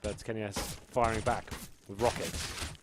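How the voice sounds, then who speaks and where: A man's voice: fairly low pitch, fairly even intonation, a little slow, heavy background noise. A man casting a game casually, joking and bantering with co-hosts. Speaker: esports caster.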